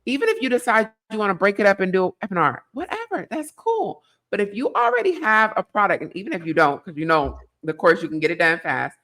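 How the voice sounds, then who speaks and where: A woman talking in a relaxed interview, coaching with a firm, direct push. She drops casual slang and keeps pressing for an answer. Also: medium pitch, quick pace, few pauses. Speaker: guest business coach.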